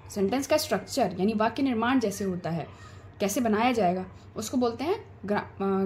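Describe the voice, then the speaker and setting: Woman, Indian accent, high voice, exam-prep teacher, answers her own questions, faint background ambience. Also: warm tone, a little hiss or hum. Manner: asks questions and answers them herself. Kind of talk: explanatory lecture.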